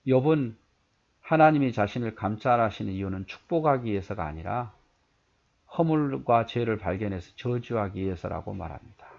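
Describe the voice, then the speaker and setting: A man's voice: lowish voice, animated, normal speed, vocal fry, darkish tone. A male pastor explaining Bible verses in a conversational way, asking his listeners rhetorical questions. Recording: dull lo-fi recording.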